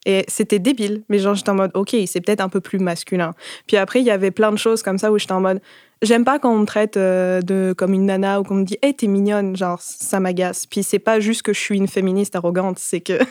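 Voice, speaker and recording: A woman recounts her experiences in a loose, conversational way, full of fillers and slangy asides. Her voice sits at a middle pitch. The recording is dry and close. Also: fairly even intonation, fairly quick, a little mellow, no echo. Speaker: interviewee. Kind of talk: casual personal testimony.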